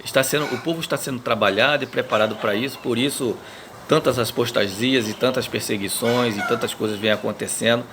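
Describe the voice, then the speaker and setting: A male pastor with a Brazilian Portuguese accent offers a daily Bible reading commentary in a medium-pitched, fairly even voice. He speaks haltingly, full of fillers, restarts and tag questions, with background noise behind him.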